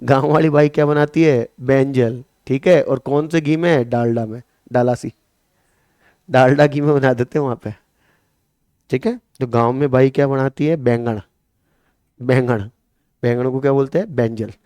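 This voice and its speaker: Lively teacher drilling memory tricks. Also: male voice, mid-range voice, normal speed, dry recording. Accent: Marwari-tinged Hindi. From Rajasthan, India. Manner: lively, repeats questions to students and answers them. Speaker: exam coaching teacher. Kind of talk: classroom lecture with memory tricks.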